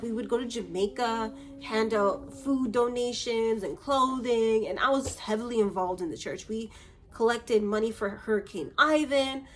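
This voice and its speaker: A woman's voice: fairly high pitch, fairly bright tone. A young woman from Canada telling a story to camera in a casual vlog, chatty and acting out the voices of the people in her story. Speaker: vlogger.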